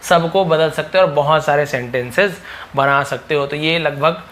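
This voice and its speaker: A man with a Hindi accent teaching spoken English, explaining patiently and repeating model sentences slowly. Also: a little high, a bit bright, a little hiss or hum.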